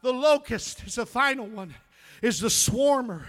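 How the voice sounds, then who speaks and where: Male pastor, very high, bright voice, fiery preaching that swells to shouts. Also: lively intonation, unhurried. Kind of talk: sermon.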